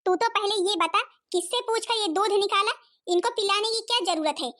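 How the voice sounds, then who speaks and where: Cartoon saas, bossy and nagging, very high voice. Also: female voice, normal speed, fairly bright tone. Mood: scolding. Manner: nagging, scolding. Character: scolding, stingy older mother-in-law who favours grandson. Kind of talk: cartoon comedy voice acting.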